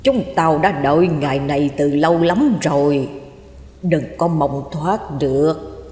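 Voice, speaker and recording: A woman voicing a vengeful male ghost leader, with a low muffled voice and slow, taunting speech broken by eerie laughs. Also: dark tone, reverberant, long reverb tail. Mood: menacing.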